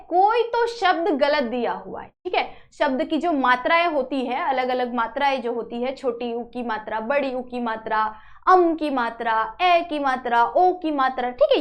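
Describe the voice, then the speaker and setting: A woman teacher explaining a grammar lesson step by step, often pausing to check that students follow. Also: high-pitched. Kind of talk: classroom-style video lesson.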